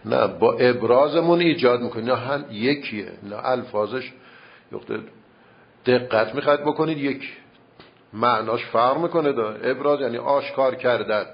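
A man's voice: mid-range voice, highs cut off. A man teaching a seminary class, patiently explaining and arguing a point with many rhetorical questions. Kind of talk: classroom debate on grammar and logic.

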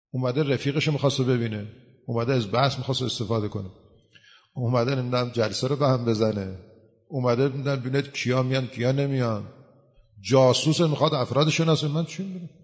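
Male cleric, gravelly voice, explanatory sermon, long hall reverb. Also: medium pitch. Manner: explanatory, uses everyday examples. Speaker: cleric answering questions. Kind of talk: religious talk to a gathering.

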